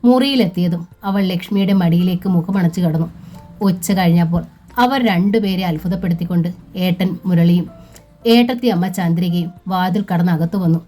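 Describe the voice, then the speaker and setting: A woman narrating a serialized novel as an audiobook, reading at a steady, unhurried pace. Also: fairly low pitch, faint music behind.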